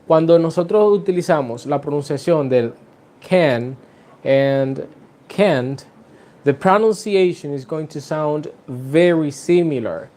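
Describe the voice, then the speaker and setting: Slow-talking man teaching English. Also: fairly high pitch, darkish tone. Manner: slow, stretched-out example sentences. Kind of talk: video lesson mixing Spanish and English.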